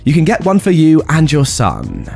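A man voicing a polite young female store clerk who stays calm and firm. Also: a little high, normal speed, vocal fry, slightly rough, soft background music, pitched above the performer's own voice, full character voice.

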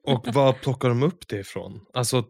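A young adult man co-hosting a podcast in relaxed, easygoing casual chat on a close mic. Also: mid-range voice, vocal fry, slightly rough, no room sound. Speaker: podcast co-host.

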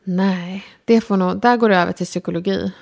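A woman's voice: mid-range voice, steady tone, vocal fry, darkish tone. Lisping woman with an upper-class Stockholm tinge. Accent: Stockholm, slightly upper-class tinge. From Sweden. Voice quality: slight lisp, speaks far forward in the mouth. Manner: direct, frank, self-deprecating. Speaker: guest, designer and lecturer. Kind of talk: casual conversation.

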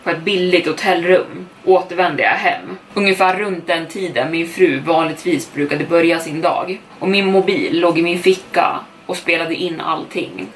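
A woman podcast host narrating a first-person story in a steady, even manner, recorded a bit far from the mic with faint background noise. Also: lowish voice.

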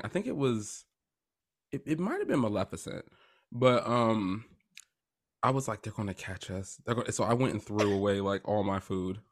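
A man co-hosting a podcast, reacting in a playful, excitable, joking way in casual chat. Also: lowish voice. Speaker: podcast co-host.

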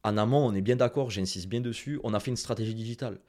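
A man with a Toulouse accent, a guest on a podcast, giving direct and lively marketing advice straight to the listeners. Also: fairly low pitch, fast talker. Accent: Toulouse (southern French). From Toulouse, France. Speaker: guest, Instagram marketing expert. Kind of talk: casual podcast interview.

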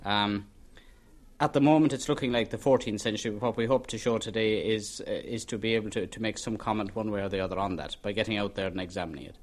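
A man's voice: fairly low pitch, fast. A man speaking as a researcher, explaining an investigation in an interview.

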